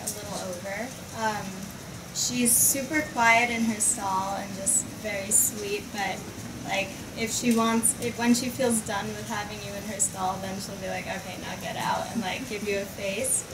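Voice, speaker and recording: A nineteen-year-old woman from North Carolina, a show jumping rider, talking in a relaxed way in a post-competition interview. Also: mid-range voice, measured pace, recorded from a distance, noisy background. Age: young adult. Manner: relaxed, many ums.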